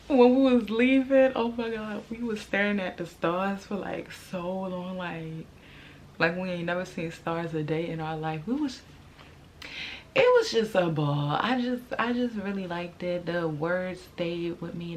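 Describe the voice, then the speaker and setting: Low-voiced young American woman, candid storyteller. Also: measured pace, slight background noise. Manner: informal, slangy, candid and emphatic, drawing out and repeating words. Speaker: vlogger. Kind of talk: casual personal storytelling.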